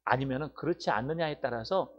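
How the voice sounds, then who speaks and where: A male pastor preaching a sermon in an animated way, addressing the congregation and acting out quoted voices. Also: mid-range voice, quick pace, highs cut off.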